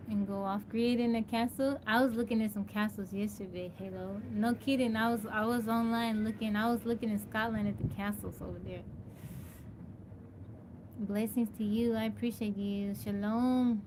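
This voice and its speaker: Hosting a relaxed livestream, a woman from Texas welcomes viewers by name and responds to what they ask. Her mid-range voice stays steady at a normal speed, and the live audio is noisy.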